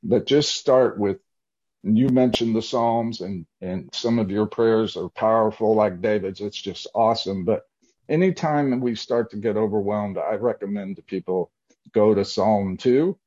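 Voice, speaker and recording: Low-voiced man, eager testimony, lo-fi. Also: a little slow, a little mellow, slightly rough. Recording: dull lo-fi sound.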